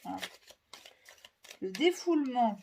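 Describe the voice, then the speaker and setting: A woman's voice: a little high, big pitch swings, slow, gravelly, a little mellow, a little hiss or hum. A French-accented woman giving a casual weekly tarot reading, rambling and hesitant with many fillers. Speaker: tarot reader.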